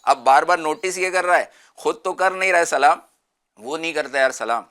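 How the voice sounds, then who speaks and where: A man talks on a religious discussion show, his voice bright and forward. He explains earnestly, piling up everyday examples to make each point. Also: a little high. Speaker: guest speaker.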